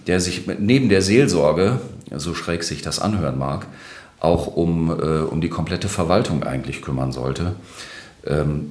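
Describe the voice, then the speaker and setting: A middle-aged man with an extremely deep bass voice, explaining things in a measured, hesitant way as an interview guest. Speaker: interview guest, church administration manager. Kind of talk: unscripted interview answers. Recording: roomy, echoing sound.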